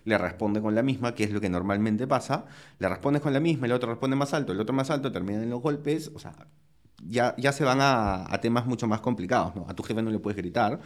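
A man's voice: medium pitch, fairly quick. A man co-hosting a podcast, explaining his point in an easygoing way with everyday examples. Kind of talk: casual conversation.

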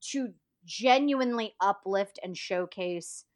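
A woman's voice: mid-range voice, takes it slowly. Enthusiastic woman podcast co-host. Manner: enthusiastic, praising the guest. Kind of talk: casual chat.

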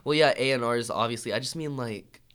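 A man chatting casually as a podcast co-host, asking relaxed questions. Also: medium pitch, fairly quick, clean tone. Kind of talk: casual chat.

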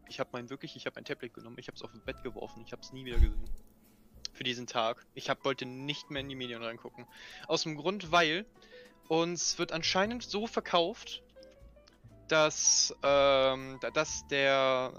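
A young man in casual chat, talking excitably in quick bursts with restarts. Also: medium pitch.

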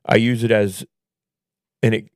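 A man's voice: lowish voice, flat delivery, takes it slowly, a little mellow, dry recording, studio quality. A man hosting a casual podcast, talking earnestly about faith and asking and answering his own questions like a preacher. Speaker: podcast host.

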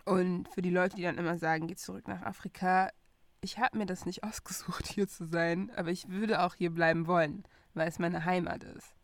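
A young woman co-hosting a relaxed conversation, animated and quick to laugh. She drops English phrases into her talk now and then. The recording is dry and close, with no room sound. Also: on the low side, no echo. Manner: lively, mixes English phrases into German, laughs often. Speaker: podcast co-host. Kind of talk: casual chat.

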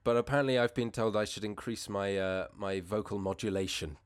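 A man's voice: on the low side, steady tone, a little fast, clean tone, no room sound. A young man talking casually as a podcast co-host. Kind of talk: casual chat.

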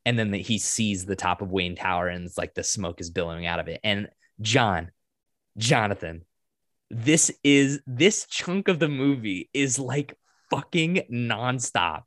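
A man co-hosting a podcast, excitedly retelling a movie scene by scene in run-on sentences, swearing freely. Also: lowish voice, measured pace, no room sound, studio quality. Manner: excited, profane scene-by-scene recap; breathless run-on storytelling. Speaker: podcast co-host. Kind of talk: casual movie review chat.

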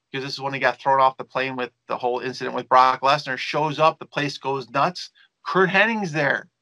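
A man's voice: medium pitch, sharp tone, no echo, poor audio. A man who works as a wrestling promoter and manager, telling stories in a rambling interview with many fillers and restarts. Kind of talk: casual storytelling interview.

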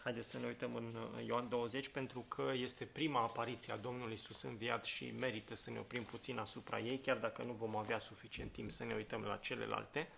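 A pastor leading a Bible study, reading scripture aloud and explaining it in a thinking-aloud way with many fillers and "right?" check-ins. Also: male voice, mid-range voice, level tone, vocal fry, few pauses, a bit bright, a little hiss or hum.

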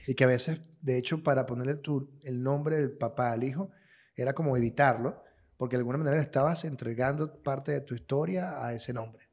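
A man's voice: mid-range voice, fairly quick, a little mellow. A man from Venezuela with a Venezuelan accent, co-hosting a casual podcast and telling personal anecdotes with easy laughter. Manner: storytelling, laughs easily. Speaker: podcast co-host.

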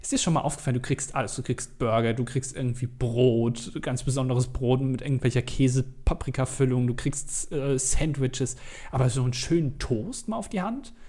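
A man's voice: medium pitch, moderate pace, warm tone. A man hosting a podcast in casual, joking chat, rambling and often stumbling into restarts. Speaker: podcast host.

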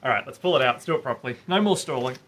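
A man's voice: mid-range voice, very fast, background noise. A man chatting casually and wryly as a radio co-host. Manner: wry, narrating his own actions. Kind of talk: casual chat.

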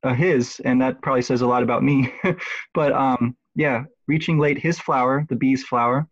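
A man in a relaxed conversation, thinking aloud about a poem with frequent pauses and restarts. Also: medium pitch, no echo. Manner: hesitant, many restarts and ums. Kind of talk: thoughtful conversational close reading. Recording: dull lo-fi dry sound.

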